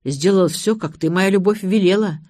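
A woman's voice: mid-range voice, mellow, no room sound, clean studio sound, close to an everyday voice. A woman reading an audiobook voices a pompous elderly man who declaims like a provincial stage actor. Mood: theatrical. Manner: theatrical, declaiming, slow.

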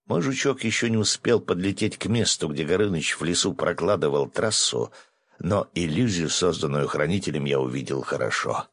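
A man narrating a first-person adventure audiobook, brisk with coarse asides. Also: sits low, lively intonation, creaky, fairly bright tone, no room sound.

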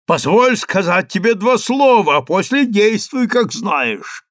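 A man voicing an older chief rabbi who pleads and bargains in a high, strained voice. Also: animated, slow pace, creaky, bright, forceful tone, no room sound, clean studio sound, exaggerated voice. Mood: pleading.

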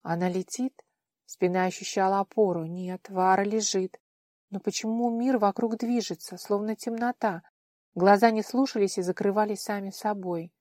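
A woman narrating an audiobook in an expressive, measured manner. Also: mid-range voice, dry recording, studio quality. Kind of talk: scripted narration.

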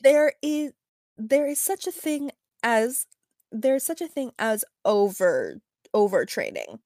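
Young woman, podcast co-host, higher voice, dry close sound, quick quips, casual chat. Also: big pitch swings, darkish tone, dry recording. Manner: chimes in with short quips and agreement. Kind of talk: casual chat recapping a cartoon episode.

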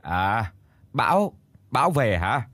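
A man voicing a frail, half-deaf old village woman who speaks slowly and confusedly. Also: medium pitch, big pitch swings, fairly bright tone, no echo, exaggerated voice. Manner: slow, confused, halting. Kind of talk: storytelling.

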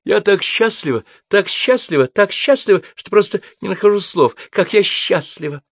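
A man's voice: fairly high pitch, animated, unhurried, dry recording, studio quality, pitched above the performer's own voice. A man voicing a timid, flustered young woman guest with breathless exclamations.

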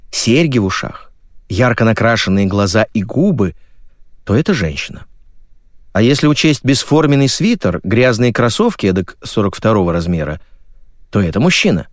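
A man narrating an audiobook in a wry, expressive way. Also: fairly low pitch, normal speed, no echo, clean studio sound.

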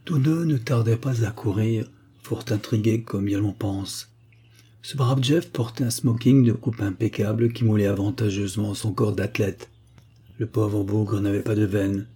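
Mellow, husky male audiobook narrator. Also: fairly low pitch, steady tone, measured pace. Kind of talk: first-person novel narration.

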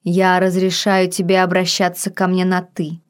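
A woman reading an audiobook, voicing a possessive, seductive man with a low, husky voice in slow, hushed, drawn-out lines. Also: monotone, natural voice. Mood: commanding.

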